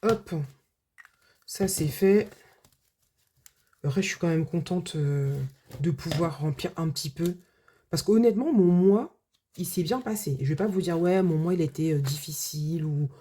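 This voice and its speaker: A woman's voice: low voice, normal speed, long pauses, dark tone, a little hiss or hum. A woman budget vlogger chatting casually to her viewers, full of filler words and restarts. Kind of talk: casual vlog chat.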